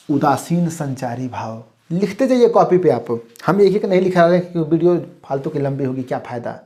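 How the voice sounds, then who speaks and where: A man's voice: mid-range voice, darkish tone. Hindi teacher man checking his class. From India. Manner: repeats "ठीक ना?" to check the class, stresses each term; reads lists of terms slowly and clearly. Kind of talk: exam-prep lecture.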